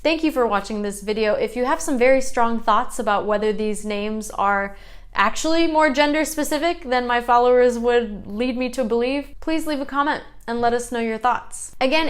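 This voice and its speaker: A woman hosting her own channel, talking casually and laughing at her own slip-ups as she explains. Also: a little high. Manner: chatty and self-deprecating, laughs at her own mistakes. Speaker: channel host.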